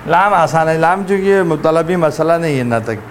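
A man teaching Quranic recitation in a classroom lesson. He drills letter sounds slowly and often stops to check whether his students understood. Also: a little high, a little hiss or hum.

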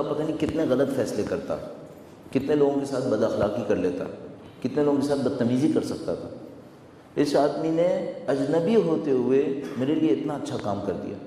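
Mellow-voiced man preaching in an echoing hall. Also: medium pitch, slight background noise. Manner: conversational, repeats phrases for emphasis. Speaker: religious preacher. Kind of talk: sermon with storytelling. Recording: echoey hall with long reverb.

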